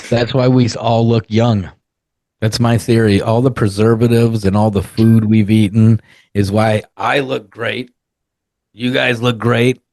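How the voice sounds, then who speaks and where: Rambling, low-voiced man in his forties. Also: little pitch movement, unhurried, a little mellow, dry recording. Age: 40s. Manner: rambling, swearing, filler-heavy ranting. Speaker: podcast host. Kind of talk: casual chat.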